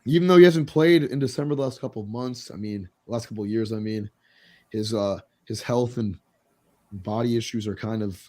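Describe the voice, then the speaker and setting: A man's voice: lowish voice, mellow. A man co-hosting a sports podcast, talking loosely with many fillers and jokes. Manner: loose, filler-heavy, joking. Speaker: podcast co-host. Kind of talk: casual sports talk.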